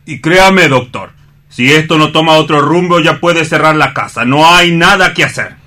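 A man reading the part of a blunt man who gravely warns a doctor in a radio play, with a Spanish accent from Spain. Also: on the high side, normal speed, pushed and bright. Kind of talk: read radio theatre.

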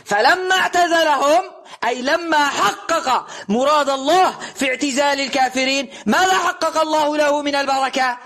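A preacher gives a recorded religious lesson at normal speed, his voice very high for a man, bright and forceful. He drives his points with rhetorical questions and emphatic recitation.

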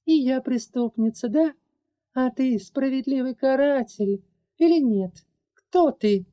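A woman voicing a fierce young dragoness who defends orphans, accusing and high-strung. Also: slow pace, dark tone, muffled recording. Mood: furious. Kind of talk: audiobook character voice.

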